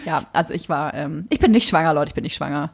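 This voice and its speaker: A woman's voice: sits low, animated, quick pace, creaky, slightly rough. A woman and mother telling stories in a casual podcast chat, candid and a bit crude. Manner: candid, crude, rambling storyteller. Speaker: podcast co-host.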